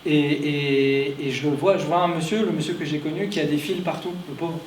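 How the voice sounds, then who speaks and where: A man's voice: a little high, fairly even intonation, fairly quick, a little hiss or hum. Man telling a story in an echoey room. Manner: emotional, repetitive restarts. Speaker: conference speaker. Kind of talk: personal storytelling talk. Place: conference room at a clinic. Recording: echoey room, distant mic.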